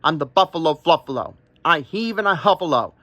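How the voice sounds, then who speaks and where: A man's voice: on the high side, expressive, brisk, sharp tone, dry recording, lo-fi sound. A man voicing a grumpy, huffy male buffalo in a rhyming storybook, stomping and huffing.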